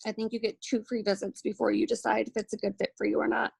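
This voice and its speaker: A network marketing team trainer leads an informal session for video, talking chattily with many fillers and restarts while calling herself shy and nervous. Her medium-pitched voice is gravelly and darkish with a breathy edge, moves little in pitch, and runs at a quick pace, with no room sound.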